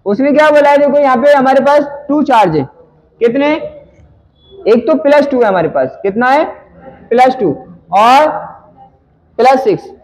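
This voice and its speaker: A man with a strikingly high voice teaching a physics numerical problem. He talks in a conversational way, keeps asking the class questions and then answers them himself. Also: expressive, a little slow, long pauses, a little mellow, poor audio. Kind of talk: explaining a numerical problem to students.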